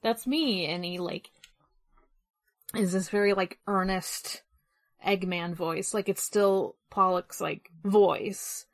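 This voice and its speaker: A woman co-hosting a casual podcast, her voice gravelly with vocal fry. She talks slowly and rambles, stringing thoughts together with constant "like" fillers. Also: fairly low pitch, flat delivery. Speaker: podcast co-host. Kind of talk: casual chat.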